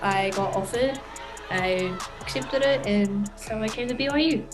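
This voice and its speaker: A woman's voice: medium pitch, measured pace, faint music behind, a faint crowd. A young woman who grew up between New Zealand and Australia, a college basketball player answering interview questions casually with many fillers. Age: young adult.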